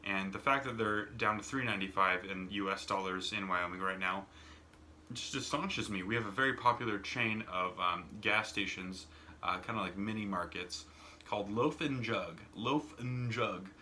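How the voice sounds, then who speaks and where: A man's voice: on the low side, normal speed, sharp tone, slight background noise. An American man vlogging in a casual, rambling monologue, repeating words and adding "and whatnot" as he talks from a smoking room at home. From United States. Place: home smoking room with door open and fan on.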